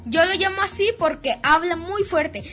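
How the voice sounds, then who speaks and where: A woman co-hosting a radio show in animated casual chat, with frequent restarts. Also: very high-pitched, moderate pace, soft background music. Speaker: co-host of a school radio show.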